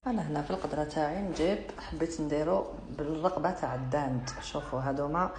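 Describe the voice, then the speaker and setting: A woman's voice: low-pitched, fast talker. A middle-aged woman with an Algerian Arabic accent, chatting casually and sassily while she cooks, teasing the viewer and slipping into French. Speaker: cooking vlogger. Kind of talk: casual cooking demonstration. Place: home kitchen with food frying. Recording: echoey kitchen, loud sizzling pan.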